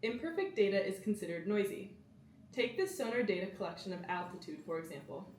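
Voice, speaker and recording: A teenage girl reading a scripted project presentation in a calm, explaining way. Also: mid-range voice, brisk, a little hiss or hum. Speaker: student presenter. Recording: echoey room, mic at distance.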